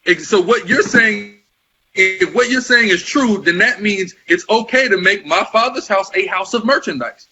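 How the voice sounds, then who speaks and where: Guy on a choppy call that keeps cutting out, bright high voice, pushing his point hard, slight hiss. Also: moderate pace. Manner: insistent, pressing questions, repeating words. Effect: choppy audio with words cutting out. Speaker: debate participant. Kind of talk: online scripture debate on a group call. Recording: lo-fi choppy internet call audio.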